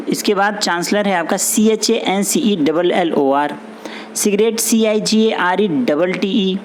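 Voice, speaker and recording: Slow, patient male spelling teacher. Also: sits high, slight background noise. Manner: spells words letter by letter, explains in Hindi; reassuring, repeats key points. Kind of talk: spelling lesson for exam students.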